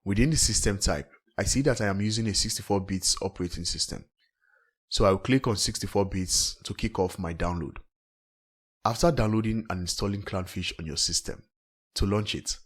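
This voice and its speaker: Speaking at normal speed, a tech host with a low, slightly rough voice walks listeners through a software tutorial in a scripted, step-by-step manner.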